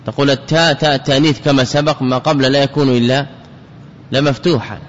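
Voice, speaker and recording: A man's voice: medium pitch, fairly even intonation, fast talker. Man lecturing on grammar in a reverberant hall. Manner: repeats and drills key words, poses questions to students. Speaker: Islamic scholar teaching Arabic grammar. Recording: dull lo-fi recording with long hall reverb.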